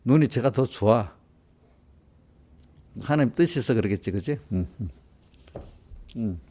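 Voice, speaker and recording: A man's voice: lowish voice, lively intonation, measured pace, dark tone. A middle-aged male pastor, preaching in a chatty, folksy way and checking his listeners' agreement. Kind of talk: conversational sermon. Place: church service.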